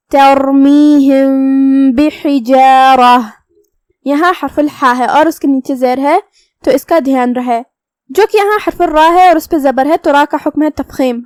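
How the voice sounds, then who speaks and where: A woman teaching recitation rules in a lesson, patiently explaining each letter rule step by step and then slowly reciting the verses. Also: sits high, a little mellow, dry recording, clean studio sound. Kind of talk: tajweed lesson with slow recitation.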